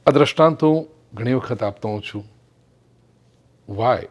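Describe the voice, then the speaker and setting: A middle-aged man giving a spiritual discourse, telling a parable with acted quotes and slowing down for emphatic English phrases. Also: mid-range voice, muffled recording. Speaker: spiritual speaker. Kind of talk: Gujarati spiritual discourse with storytelling.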